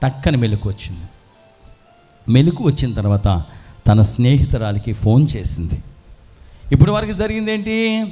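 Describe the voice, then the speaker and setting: A man's voice: medium pitch, big pitch swings, moderate pace, long pauses, soft background music. A man with a Telugu accent, a priest preaching a dramatic sermon full of rhetorical questions. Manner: dramatic storytelling, rhetorical questions, sudden rises to near-shouting. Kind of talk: sermon with acted quotes.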